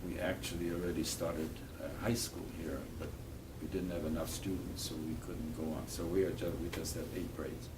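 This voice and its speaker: Speaking earnestly to schoolchildren during a talk and Q&A, this older man from Poland, a native Polish speaker, has a deep, low voice and often halts to restart his phrases. He is a guest in a school room, recorded from far back with steady background noise.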